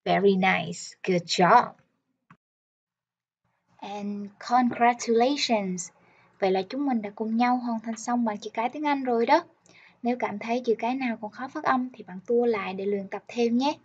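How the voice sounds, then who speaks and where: A woman teaching the alphabet to children. She pronounces each word slowly, repeats it, and praises the listener. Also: on the high side, slightly rough. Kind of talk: slow pronunciation drill. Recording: dull lo-fi sound.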